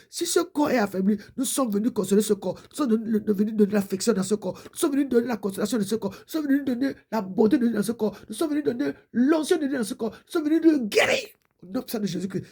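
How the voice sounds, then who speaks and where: A woman's voice: a little high, mellow, husky. A woman preacher giving a fervent exhortation and prayer, repeating her pleading prayer lines.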